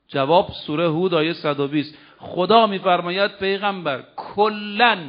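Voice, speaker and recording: A man preaching a sermon, asking the audience questions and reciting verses slowly. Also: sits high. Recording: dull lo-fi recording.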